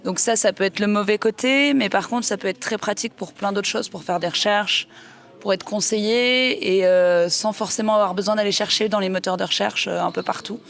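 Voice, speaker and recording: A woman's voice: mid-range voice, a little fast, vocal fry, fairly bright tone. A woman giving a casual, unscripted interview answer in an explanatory, conversational way.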